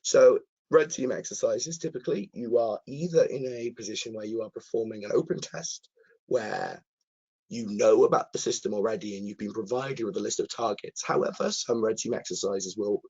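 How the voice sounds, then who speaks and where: A man with a hoarse, croaky voice answers questions as an earnest, enthusiastic presenter in a live webinar. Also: fairly low pitch, normal speed, a little mellow, lo-fi sound. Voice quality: croaky, husky. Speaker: presenter, cyber security content author.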